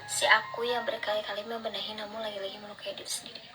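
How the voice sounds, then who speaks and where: A young woman chats over prominent instrumental music in a mid-range voice. Her r's are slightly lisped, leaning toward w. She reads short reflective quotes and responds to them earnestly, gently encouraging the listener like a friend. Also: medium pitch, little pitch movement, rapid-fire. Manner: slurred r sounds, close to w. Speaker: vlogger. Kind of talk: casual motivational religious chat, reading out quotes and reacting.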